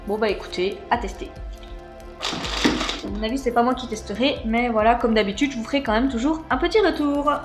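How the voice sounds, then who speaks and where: A woman's voice: a little high, brisk, music in the background. A woman in her thirties chatting casually through a snack unboxing, hesitant, with many fillers. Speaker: unboxing vlogger.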